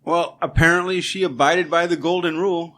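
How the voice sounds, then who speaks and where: A man's voice: on the high side, steady tone, a little fast, sharp tone. A man co-hosting a podcast, chatting casually and telling stories with jokes and swearing. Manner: profane, joking, storytelling. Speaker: podcast co-host. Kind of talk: casual chat.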